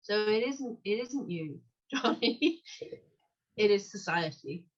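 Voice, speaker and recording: A woman speaks earnestly on an online panel, measured but emphatic. Her mid-pitched voice comes through slightly dull, lo-fi call audio. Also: animated. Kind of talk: informal panel talk.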